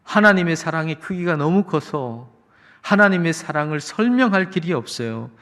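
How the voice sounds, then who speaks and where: Korean pastor preaching in a reverberant church. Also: male voice, a little high, big pitch swings, fairly bright tone. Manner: earnest preaching, voice rising on quoted cries, slow drawn-out singing. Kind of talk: sermon. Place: church sanctuary.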